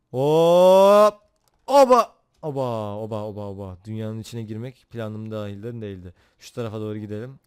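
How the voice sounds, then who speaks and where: An excitable young man chatters through a Minecraft session, joking and reacting to the game as he goes. His voice is smooth and crisp, recorded dry and close with no room sound. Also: medium pitch, no room sound. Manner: excitable, jokey, talks to himself while playing. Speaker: gaming YouTuber. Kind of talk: Minecraft let's play commentary.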